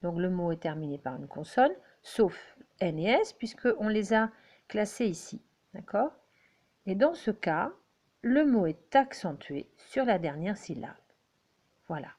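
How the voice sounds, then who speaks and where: Woman, French native speaker, teacher, slow, patient, checks in often, whiteboard lesson. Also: mid-range voice, very animated, a little mellow. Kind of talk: explaining at a whiteboard. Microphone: handheld camera.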